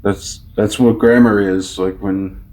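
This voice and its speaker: A man in his thirties with a very low, deep voice, chatting casually as a podcast co-host. He rambles through his points with plenty of fillers and restarts. He often acts out conversations in a louder voice. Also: fairly even intonation, takes it slowly, over a noisy crowd. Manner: rambling, filler-heavy, mimics kids loudly. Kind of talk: casual chat.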